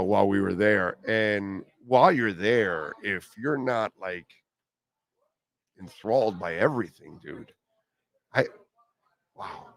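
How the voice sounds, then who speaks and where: A man's voice: fairly low pitch, vocal fry, dry recording. A man hosting a radio show, giving informal, wry sports-talk commentary in a conversational way.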